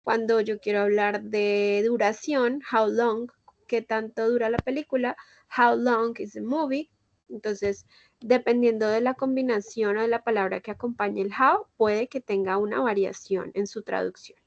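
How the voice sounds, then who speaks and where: A woman with a slightly high voice teaches English over a video call, walking through each point step by step. Her voice is close and dry, with dull, lo-fi call audio. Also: fairly even intonation, moderate pace, gravelly, no echo. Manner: explains step by step with Spanish and English examples. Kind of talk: online class explanation.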